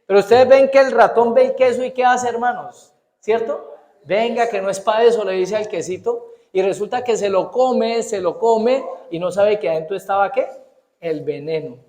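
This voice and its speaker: A man preaching a sermon as pastor, animated, firing rhetorical questions at the congregation and tripping over his words as he speeds along. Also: high voice. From Colombia. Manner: fast-talking, trips over his words. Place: church. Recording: echoey church hall.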